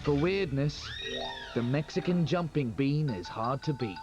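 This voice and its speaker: A man reading scripted nature documentary narration in a measured, explanatory way, heard from a worn VHS tape copy. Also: medium pitch, lively intonation. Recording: dull lo-fi tape with loud music behind. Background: loud music score.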